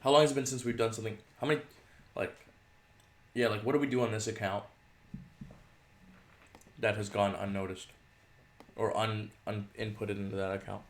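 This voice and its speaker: A man's voice: fairly low pitch, steady tone, normal speed, pauses often, slight background noise. A man chatting casually about trades, frustrated and muttering while he eats. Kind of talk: casual chat. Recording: echoey room.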